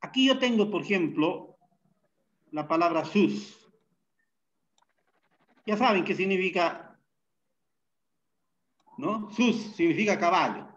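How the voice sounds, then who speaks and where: A man teaching a Bible Hebrew class, unhurried, often pausing with fillers and checking in with tag questions. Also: high-pitched, lively intonation, highs cut off. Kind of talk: classroom lecture.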